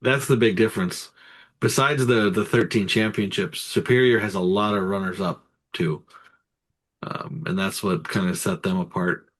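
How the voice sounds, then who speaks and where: Lowish-voiced man reciting sports stats. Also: moderate pace, a bit bright. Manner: matter-of-fact, enumerating. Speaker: sports commentator. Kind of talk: casual sports talk with statistics.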